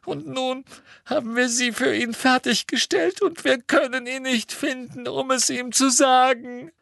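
Here the schoolgirl character comes out high, exaggerated and pushed up, with creaky, fairly bright tone and fairly even intonation at an unhurried pace. She sobs, whines and stammers through the audiobook line, recorded cleanly in a studio with no room sound.

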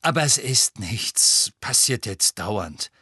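A man doing a quiet, guarded teen boy. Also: on the low side, expressive, takes it slowly, husky, dry recording, clean studio sound, heavily acted.

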